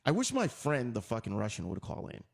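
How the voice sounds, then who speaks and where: A man hosting a casual talk show, animated and given to repeating himself and laughing loudly. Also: medium pitch, a little fast, creaky. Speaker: host.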